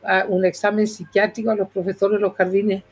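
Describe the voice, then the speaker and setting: An older woman from southern Chile with a Chilean accent, giving earnest, opinionated conversational commentary to listeners, halting and repeating words as she goes. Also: mid-range voice, level tone, a little mellow, slightly rough. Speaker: doctor and radio commentator.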